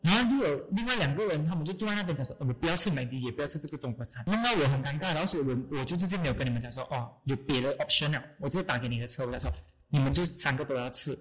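A woman, co-hosting a podcast and telling a story in a rapid, venting way, often asking "you know?". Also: sits low, slightly rough. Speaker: podcast co-host. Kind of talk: casual chat.

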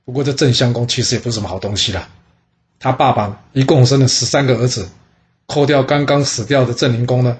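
Man telling an ancient history tale. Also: mid-range voice. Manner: lively, asks and answers his own questions. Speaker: storyteller. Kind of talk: casual history storytelling.

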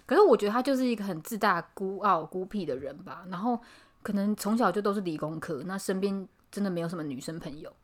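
Brief: Taiwanese woman in her thirties, podcast host, rapid animated storyteller who acts out coworkers. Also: mid-range voice. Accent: Taiwanese Mandarin. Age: 30s. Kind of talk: casual chat.

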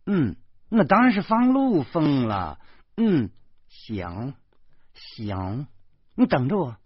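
A man voicing a furious, nagging middle-aged wife who scolds in shrill, stammering outbursts, on a dull, dry recording. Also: big pitch swings, slow, slightly rough, dry recording, heavily acted. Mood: coy.

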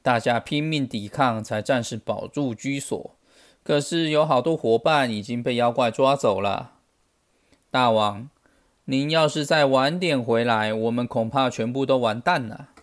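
A man's voice: medium pitch, unhurried, close to an everyday voice. A man voicing a frightened band of little monkeys who plead anxiously, in a children's storybook.

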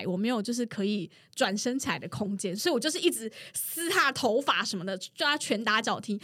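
Loud, excitable woman podcast host. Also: on the high side, breathy edge, no room sound. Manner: loud, excitable, laughs often. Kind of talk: casual storytelling chat.

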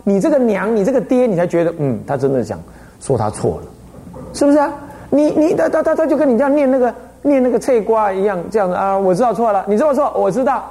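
A man with a Taiwanese Mandarin accent gives a lively Buddhist dharma lecture as an abbot. He tells stories and keeps asking the listeners rhetorical questions. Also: high voice, fast. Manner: animated storytelling, frequent rhetorical questions.

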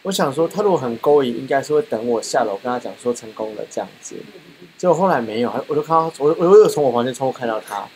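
A man hosting a podcast, telling a rambling anecdote in a casual, animated way. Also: mid-range voice, quick pace, low-quality recording. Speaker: podcast host. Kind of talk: casual storytelling chat.

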